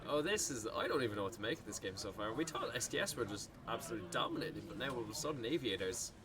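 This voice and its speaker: A man with an Irish accent doing relaxed, analytical esports co-commentary at a live event. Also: medium pitch, racing. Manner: relaxed analytical color commentary, admits slips. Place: gaming arena venue. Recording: loud crowd behind at a live event.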